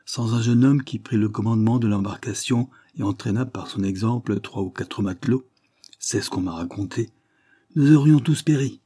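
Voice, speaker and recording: A man reading the part of an earnest, grateful young gentleman in a classic novel audiobook. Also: lowish voice, moderate pace, breathy edge, no echo, clean studio sound. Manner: earnest, heartfelt.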